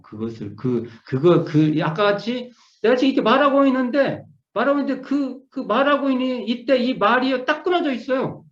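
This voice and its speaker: A middle-aged man, a minister, gives an online scripture lecture, repeating key words and restarting often as he muses through his explanation. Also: high voice. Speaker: Won Buddhist minister teaching scripture. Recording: echoey room, dull lo-fi sound.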